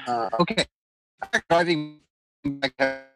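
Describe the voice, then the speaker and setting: A man hosting an online meeting from his car over a bad connection, his voice cutting in and out as he talks in halting bits with lots of fillers. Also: a little high. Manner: hesitant, halting, many fillers. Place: in a car, driving. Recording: choppy lagging call audio, distant.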